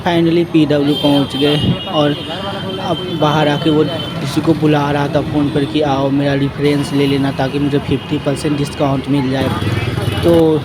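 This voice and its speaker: A man's voice: fairly high pitch, flat delivery, moderate pace, very noisy. A young man narrates his vlog in a casual way and retells events with a lot of repetition. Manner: plain retelling in a loose, repetitive way. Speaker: vlogger.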